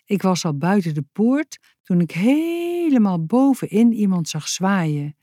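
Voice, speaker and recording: Lady doing a friendly chatty cleaner guy from a kids story, slow and mellow. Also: medium pitch, sing-song, no room sound, studio quality. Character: friendly adult male prison cleaner.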